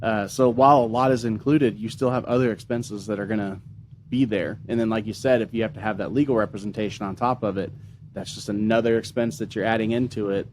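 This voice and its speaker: A man's voice: fairly low pitch, quick pace, slight background noise. Man hosting a casual business podcast. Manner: relaxed and conversational, with fillers like "you know" and "um". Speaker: podcast host, marketing agency owner.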